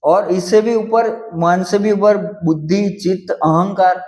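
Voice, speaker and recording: A man's voice: high-pitched, fairly even intonation, takes it slowly, a little mellow, roomy sound. A young man reading religious texts aloud and breaking off to comment on them in a casual, conversational way, often saying "theek hai" between points.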